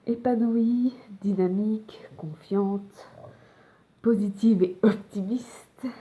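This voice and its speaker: In a low-quality recording, a young woman from France with a medium-pitched, mellow voice and a French accent chats casually to the camera as a vlogger. She talks about personal things from her home in Montreal, hesitating often with many fillers and restarts.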